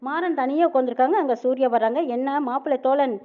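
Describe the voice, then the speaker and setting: A woman quickly retelling a TV serial episode, reporting each character's lines one after another with a tag of who said them. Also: high-pitched. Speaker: serial recap narrator. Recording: narrow phone-like band.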